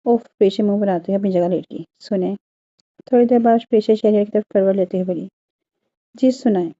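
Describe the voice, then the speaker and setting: A woman narrating a romance novel in a steady, even reading voice. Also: mid-range voice, racing, highs cut off. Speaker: audiobook narrator. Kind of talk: storybook narration.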